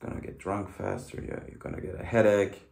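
A hungover young man chatting casually to camera between push-ups in a bedroom, tired and sluggish, with breathy exertion. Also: sits low, sing-song, darkish tone. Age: young adult. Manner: slow, sluggish, weary delivery. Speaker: fitness vlogger. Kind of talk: casual motivational chat. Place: small bedroom, indoors. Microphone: camera on the floor about a metre away.

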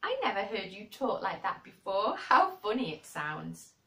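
A woman's voice: mid-range voice, big pitch swings, measured pace, a bit bright. A woman voicing a curious, joyous young boy in an audiobook story, full of wondering exclamations. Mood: amused surprise. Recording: roomy echo, distant microphone.

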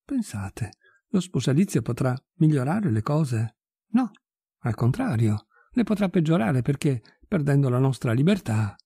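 A man voicing a frank, restless young widow in a read-aloud story, with a dark, husky voice. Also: mid-range voice, big pitch swings, normal speed, no echo, studio quality, exaggerated voice. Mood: defiant.

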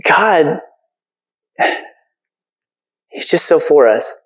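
A man's voice: a little high, expressive, extremely slow, fairly bright tone, poor audio. A man preaching a casual, earnest sermon from a church stage, talking conversationally with lots of fillers.

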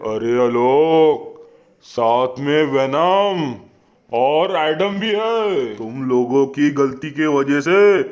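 A man voicing a stern elder male leader who speaks in a slow, commanding way. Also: a little high, expressive, darkish tone, highs cut off.

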